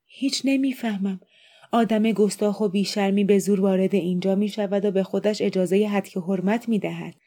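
A woman's voice: mid-range voice, steady tone, warm tone, natural voice. A woman voicing a flustered male cashier who answers in a bewildered, offended way, in an audiobook reading.

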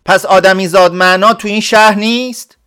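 A man voicing a short, flustered village man who pleads loudly and indignantly in a storybook reading. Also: a little high, lively intonation. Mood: indignant shouting.

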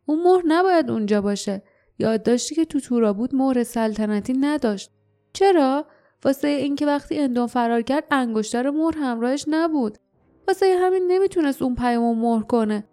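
Woman doing tired old warrior guy, gruff, explains things, mellow. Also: medium pitch, fairly even intonation, faint music behind, lightly acted. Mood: weary. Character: wounded older male warrior, gruff and weary.

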